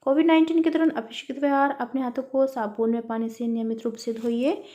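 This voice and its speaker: A woman's voice: high-pitched, fairly even intonation, a little fast, mellow. A woman teaching a worksheet lesson to young children, spelling words out syllable by syllable and calling her listeners beta. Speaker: primary school teacher.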